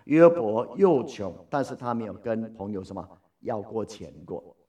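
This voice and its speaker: A man teaching a Bible study in a lively way, asking his listeners questions and then answering them himself. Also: lowish voice, moderate pace, recorded from a distance.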